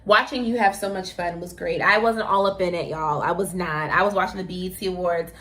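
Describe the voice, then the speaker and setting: A woman's voice: on the low side, steady tone, brisk, a bit bright. A woman co-hosting a casual chat show, talking in a chatty, effusive way and calling her viewers "y'all". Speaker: co-host.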